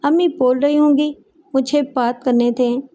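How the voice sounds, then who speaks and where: In an audiobook story, a woman voices a young factory worker who pleads and evades questions. Her voice is high-pitched and dark in tone, steady and measured, with a pleading mood throughout.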